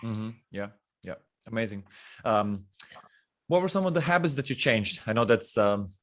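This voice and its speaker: A man's voice: fairly low pitch, animated, normal speed, fairly bright tone. A man from Croatia hosting a podcast, asking questions in a casual, friendly way with frequent ums and uhs. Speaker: podcast host. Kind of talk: casual interview conversation.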